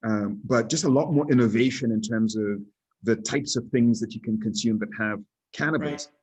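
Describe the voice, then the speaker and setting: A man speaking as an industry analyst in a casual podcast discussion, deliberate and often restarting his sentences. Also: mid-range voice, a little mellow, breathy edge, rough recording.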